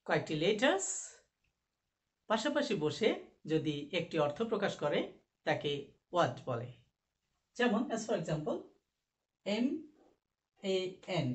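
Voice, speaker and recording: A man teaching a recorded class, who asks his students questions and answers them himself. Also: on the high side. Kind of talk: recorded online class lesson. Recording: echoey room.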